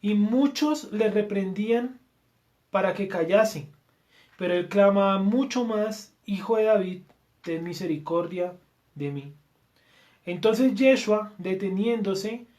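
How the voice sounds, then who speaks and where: A woman with a Colombian accent, a participant in a Bible class, reading scripture aloud quickly and calling out the verse numbers. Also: mid-range voice, a little mellow. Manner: reads quickly and plainly, announcing verse numbers.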